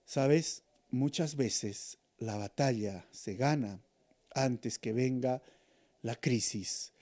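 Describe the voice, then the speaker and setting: A man with a Peruvian Spanish accent preaching a sermon as pastor, rising in emphasis and then dropping to hushed, earnest tones. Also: mid-range voice, drawn-out words.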